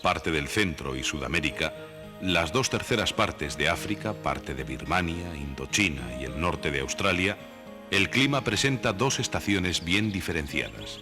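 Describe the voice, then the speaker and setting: A man reading scripted nature documentary narration in a measured, didactic way. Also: low voice, lively intonation. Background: background music.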